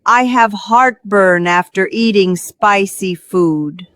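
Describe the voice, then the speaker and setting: Very slow woman reading example sentences. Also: medium pitch, a bit bright, no room sound, clean studio sound.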